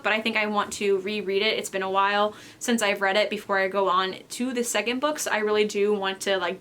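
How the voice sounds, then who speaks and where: A woman's voice: mid-range voice, bright, forceful tone, slight background noise. A tired young woman hosting a knitting podcast, chatting casually and rambling with lots of fillers, recorded at home. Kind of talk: casual chat.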